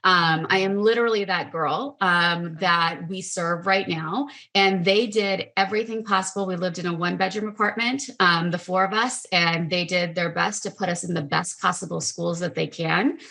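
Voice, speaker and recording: A woman's voice: on the low side, fairly even intonation, moderate pace, vocal fry, hardly any pauses, sharp tone. A woman in her forties, from Sri Lanka, answering interview questions candidly with plenty of "um" fillers. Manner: candid, self-deprecating, frequent "um" fillers. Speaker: guest.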